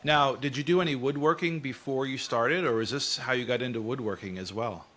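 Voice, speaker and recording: A man's voice: medium pitch, a little fast, a bit bright. A man hosting a casual interview, chatting and asking questions. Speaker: interview host.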